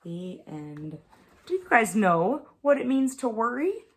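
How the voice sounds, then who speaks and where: Her voice fairly high in pitch, this woman reads a picture book aloud to a group of young children as their preschool teacher. Words are emphasized and her phrasing is expressive and measured.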